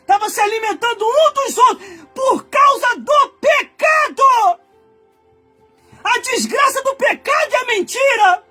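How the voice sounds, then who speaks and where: A Brazilian man in his forties preaching a fiery sermon, shouting and exhorting his listeners. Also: extremely high pitch, lively intonation, a little slow, faint music behind. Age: 40s. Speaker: pastor.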